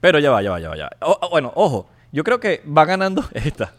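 A man's voice: fairly high pitch, wildly swooping pitch, fast. A man hosts a casual video chat, talking in a playful, slangy way and addressing his viewers directly. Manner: playful, chatty, lots of slang. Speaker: host.

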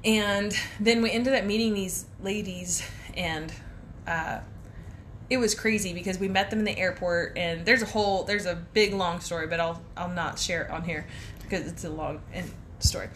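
A woman's voice: on the low side, fairly even intonation, moderate pace, fairly bright tone, slight background noise. A young woman co-hosting a podcast, telling travel stories in a rambling, casual way and laughing often. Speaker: podcast co-host. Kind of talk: casual storytelling chat.

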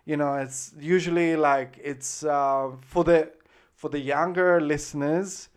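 A man from Italy in his thirties, with an Italian accent, rambles as a guest in a relaxed interview set in Australia. He speaks on the high side with a steady tone, a measured pace, and a clear, resonant quality, often restarting and filling gaps with "like" and "um."

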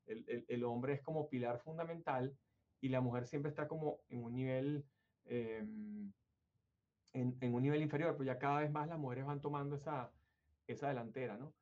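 The interview host, a Venezuelan man, speaks in a medium-pitched, steady, slightly mellow voice at an ordinary pace. His long, rambling turns in this conversational interview are full of fillers and false starts, and the recording is dull and lo-fi.

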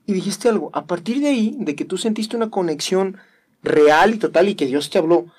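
A man's voice: high-pitched, expressive, a little fast, darkish tone. Rambling Mexican man hosting, preachy. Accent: Mexican Spanish. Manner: rambling, preachy, with filler hesitations. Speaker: host. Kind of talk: casual talk show chat.

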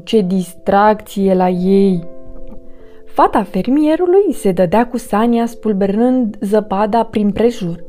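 A woman narrating a children's storybook, lively and expressive. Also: a little high. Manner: lively, expressive read-aloud.

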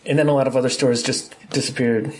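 A man's voice: medium pitch, fairly even intonation, fast talker, rough recording. A man hosting a show, talking in a casual, conversational way as he catches up with a friend. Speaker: show host. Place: remote call from Mississippi.

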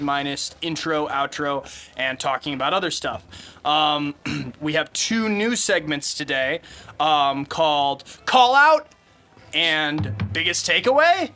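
A man hosting a casual podcast, talking haltingly with many fillers and restarts and laughing often. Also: on the high side, bright, forceful tone. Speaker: podcast host.

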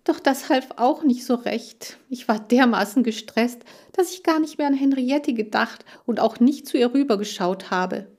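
An agitated young girl in an audiobook, as a woman reader puts her on. Her voice rides high and pushes hard, pleading and tearful. The lines come out strained and urgent. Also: normal speed, hardly any pauses, darkish tone, close to an everyday voice. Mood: distressed. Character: upset, tearful girl caring for farm animals.

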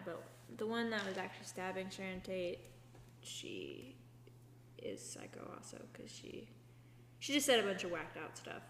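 A young woman co-hosting a casual podcast, rambling through stories with lots of "like" fillers. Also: mid-range voice. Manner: chatty, many fillers, rambling retellings. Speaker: podcast co-host. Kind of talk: casual chat. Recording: echoey room with long reverb, faint hum.

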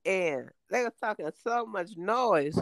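A middle-aged woman telling her life story in conversation, emphatic and lively, acting out the voices of others. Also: medium pitch, slow pace, no room sound, low-quality recording.

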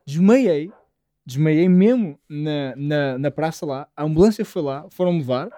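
A man's voice: on the high side, animated, measured pace, warm tone, no echo, studio quality. A young man telling rambling, slangy, self-deprecating stories casually among friends. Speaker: podcast co-host.

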